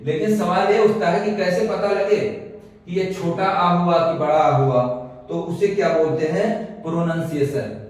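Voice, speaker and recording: A man's voice: high voice, steady tone, unhurried. Male coaching-class teacher, quizzes then answers himself; recorded from afar in a very echoey room. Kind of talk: classroom grammar lesson. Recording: echoey room, mic far off.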